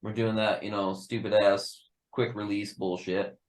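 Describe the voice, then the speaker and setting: A man with a fairly low voice talks casually as a guest in a band interview. He is laid-back, laughs a lot and swears freely. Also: flat delivery, unhurried, poor audio. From Upper Peninsula of Michigan.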